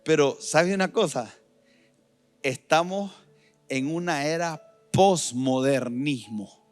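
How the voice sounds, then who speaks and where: A middle-aged man preaching a sermon as pastor in a church, moving between loud emphatic lines and quiet asides. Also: a little high, slow, faint music behind.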